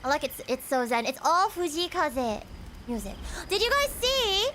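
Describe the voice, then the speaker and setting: A woman's voice: sits high, very animated, normal speed, bright, forceful tone, slight background noise. A young woman from the United States chatting casually on a livestream, greeting viewers in a bubbly, giggly way. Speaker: VTuber streamer and singer.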